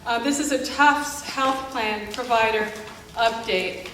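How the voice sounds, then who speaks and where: Speaking slowly in a slightly high, somewhat bright voice, a middle-aged American family doctor addresses an audience as an activist with sarcastic exasperation. The live speech takes place at a concert event in a church, recorded from far off in an echoey, noisy hall.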